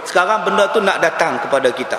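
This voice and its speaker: A male preacher, giving a lively religious lecture and acting out the people in his stories. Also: sits high, fast talker. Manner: animated storytelling with acted-out quotes. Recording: echoey hall with faint hiss.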